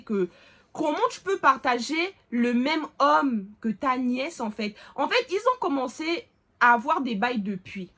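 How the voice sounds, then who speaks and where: A woman's voice: a little high, fairly bright tone. A young woman vlogger telling a personal story in casual chat, emphatic and laughing often.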